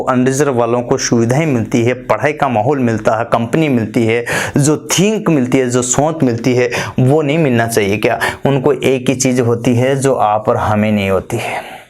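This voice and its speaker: A man's voice: mid-range voice, a little mellow. A man from Rajasthan giving career advice to his community in an informal talk, asking rhetorical questions, answering them himself and repeating points in long lists. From Rajasthan, India. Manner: repetitive, list-like, addresses listeners as friends.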